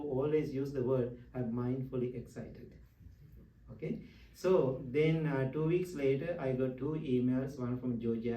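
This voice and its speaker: A man's voice: medium pitch, mellow, muffled recording. A man, a Buddhist monk teacher, telling personal stories in a dharma talk with a chuckle and simple, broken English. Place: retreat meditation hall. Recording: roomy echo, distant mic, faint hiss.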